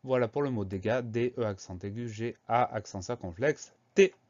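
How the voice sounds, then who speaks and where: A man's voice: mid-range voice, moderate pace, darkish tone, lo-fi sound. A man teaching a spelling lesson, patiently spelling words out letter by letter.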